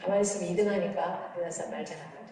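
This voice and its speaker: A middle-aged woman lectures in a lively, humorous way and acts out little dialogues. She sounds distant from the mic, and long reverb rings through a large hall. A faint noise runs underneath. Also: lowish voice, racing. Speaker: counseling psychology professor giving a lecture. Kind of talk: lively lecture with acted anecdotes. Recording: echoey hall from far off.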